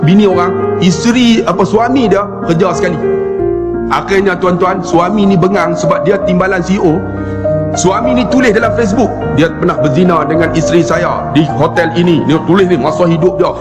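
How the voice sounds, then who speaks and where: A male preacher telling a sermon story, animated, acting out voices and bursting into shouts. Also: high voice. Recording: echoey hall, faint music.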